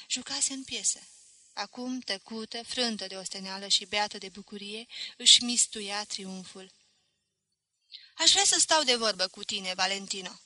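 Bright-voiced woman reading a novel. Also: mid-range voice, no echo. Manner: measured, expressive reading. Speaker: audiobook reader. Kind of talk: literary audiobook narration.

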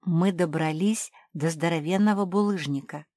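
A woman voicing a doubtful pug sister, a fussy stylist who mutters slowly and skeptically. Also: fairly low pitch, darkish tone, no echo, clean studio sound, lightly acted.

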